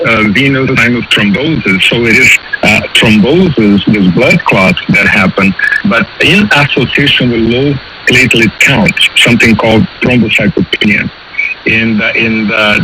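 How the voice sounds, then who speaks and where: A man explaining as an expert guest in a radio interview, hesitant and searching for words. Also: fairly low pitch. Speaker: virology professor, interview guest. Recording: very noisy radio feed.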